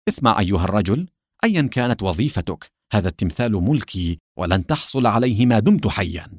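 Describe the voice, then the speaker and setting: Guy doing sly secret agent guy faking anger, deepish voice, swings around a lot, dry close sound. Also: big pitch swings, fast, no room sound. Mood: feigned anger. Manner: mock-angry, theatrical. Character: cunning male secret agent feigning anger.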